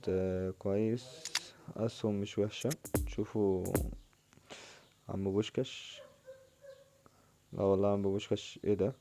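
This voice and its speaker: A young man with an Egyptian Arabic accent, commenting casually on his own football video game match and shouting at the players in excited bursts. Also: on the low side, a little hiss or hum. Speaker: gaming channel host.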